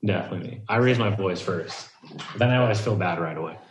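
A man's voice: low-pitched, fast, background noise. Easygoing man with roomy call sound. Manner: laid-back, agreeable, brief. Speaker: podcast co-host. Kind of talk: casual chat over a video call. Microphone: video call.

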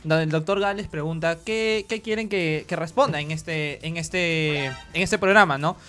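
A man's voice: a little high, moderate pace, pushed and bright, soft background music. A man co-hosting a comedy show, reading out audience names and questions with hesitant fillers.

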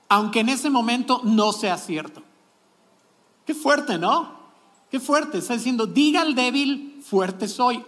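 A man's voice: very high voice, a bit bright. A man, a pastor preaching a sermon in a church, talking conversationally and often checking in with the congregation. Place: church sanctuary. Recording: long church hall reverb.

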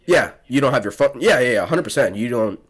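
A man's voice: mid-range voice, lively intonation, a little fast, a bit bright, breathy edge. A young man co-hosting a podcast, telling a story in casual chat, swearing freely and leaning on lots of fillers. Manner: profane, laid-back storytelling with lots of fillers. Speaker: podcast co-host.

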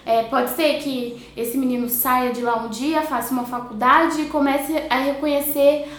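A woman's voice: high-pitched, fairly even intonation, moderate pace. A woman, a guest in a casual discussion, speaking reflectively with hesitations and trailing phrases. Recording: roomy echo.

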